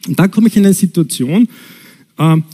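A middle-aged man gives a sermon full of personal stories. His voice sits a bit high but sounds warm and mellow. He jumps upward in pitch when he presses a point. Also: vocal fry, breathy edge. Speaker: pastor.

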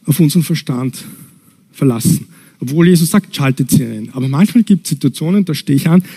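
Middle-aged man, pastor, lively storyteller, mellow and slightly high voice. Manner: lively storytelling, pitch jumps up when stressing points. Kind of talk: sermon with personal stories.

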